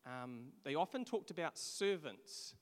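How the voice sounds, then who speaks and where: A man's voice: on the high side, animated, unhurried. A man preaching a sermon from England, earnest and conversational, with frequent restarts. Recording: long echo of a large hall.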